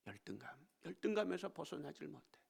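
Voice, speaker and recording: Gravelly male pastor preaching a storytelling sermon. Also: on the high side, sing-song, brisk. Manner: storytelling, swinging from hushed asides to emphatic exclamations. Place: church sanctuary.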